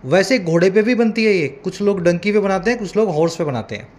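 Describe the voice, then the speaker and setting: High-voiced tutor explaining vocabulary. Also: male voice, animated, a little mellow. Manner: explains with many asides and checks like "है ना"; reads English lines slowly and deliberately. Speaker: English tutor. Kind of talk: Hindi-English newspaper reading lesson.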